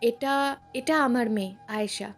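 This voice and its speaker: A woman's voice: fairly high pitch, unhurried, faint music behind. A woman voicing a shaken middle-aged mother who speaks in a trembling, emotional way.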